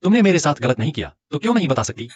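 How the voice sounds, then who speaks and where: A man's voice: a little high, sing-song, racing, no room sound. An actor playing a suspicious, angry husband who accuses his wife of cheating. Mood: accusing. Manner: accusing, agitated. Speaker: jealous husband.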